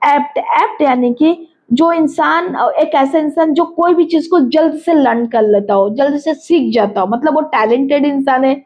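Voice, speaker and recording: A woman's voice: sits high, normal speed, a little mellow. A woman teaching an exam-prep vocabulary lesson, explaining each word with everyday examples and frequent "right?" checks. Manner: explains words with everyday examples, repeats terms, asks rhetorical checks. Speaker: English teacher. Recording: slightly dull lo-fi audio.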